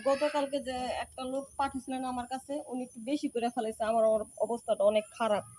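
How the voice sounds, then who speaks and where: A worn-down young wife voiced by a woman pleads and complains to her husband. Her voice is rather high. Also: level tone, quick pace, dark tone. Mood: pleading. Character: weary young wife forced to work. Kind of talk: short film acting.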